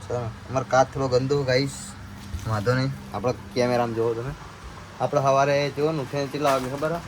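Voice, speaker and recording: Male shopkeeper, chatty vlog host, mid-pitch, noisy street behind. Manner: chatty, keeps addressing viewers as guys. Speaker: shopkeeper vlogger. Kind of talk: casual vlog commentary. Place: small shop and storeroom.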